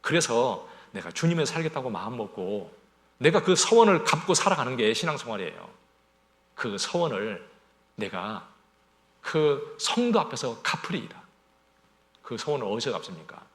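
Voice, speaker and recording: A man's voice: medium pitch, big pitch swings, normal speed, fairly bright tone. A male pastor preaching a Sunday sermon, asking the congregation rhetorical questions as he goes.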